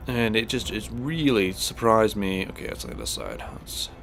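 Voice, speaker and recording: Playing a space game on his gaming channel, this man rambles casually, full of fillers and restarts, his voice a bit stuffed-up. It sits lowish and sounds sing-song, creaky and somewhat bright at a normal speed, with slight hiss or hum in the recording.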